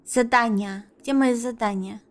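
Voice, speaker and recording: Slow-paced, higher-voiced young woman streaming games. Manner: playful, crude swearing, mutters to herself. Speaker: streamer playing a video game. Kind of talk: casual gaming stream commentary.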